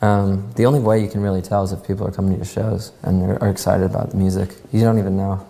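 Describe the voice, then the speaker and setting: A man answering interview questions casually, with frequent ums and pauses. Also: sits low, gravelly. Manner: relaxed, many ums and pauses. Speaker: musician interviewee. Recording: long reverb.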